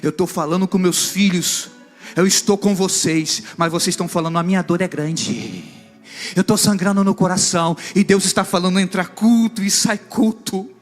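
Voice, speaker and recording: A man's voice: sits high, normal speed, faint music behind. A man with a Brazilian Portuguese accent preaching a sermon, acting out the lines of a personal story and speaking directly to the congregation. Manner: acts out dialogue from a story, addressing the congregation directly. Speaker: pastor.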